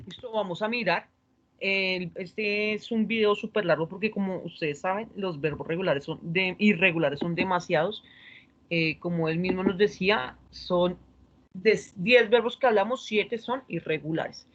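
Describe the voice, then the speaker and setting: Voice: mid-range voice, normal speed, a bit bright, lo-fi sound. A teacher casually summing up a video lesson for students, with "eh" fillers. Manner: casual, uses fillers like "eh" and "listo". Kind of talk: lesson wrap-up talk.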